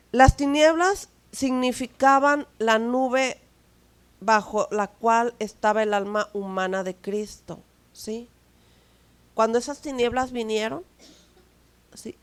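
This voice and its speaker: A woman pastor with a Mexican Spanish accent preaching a sermon, full of rhetorical asides and tag questions, swinging between soft asides and emphatic declarations. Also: a little high.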